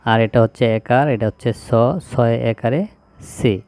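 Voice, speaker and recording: Male teacher voice for a kids' spelling lesson, flat and steady delivery. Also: mid-range voice. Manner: slow, even, drilling recitation of syllables. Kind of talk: slow spelling lesson recitation.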